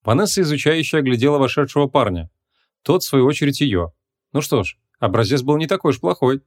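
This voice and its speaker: A man narrating an audiobook in an even, measured reading voice. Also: medium pitch, dry recording, clean studio sound.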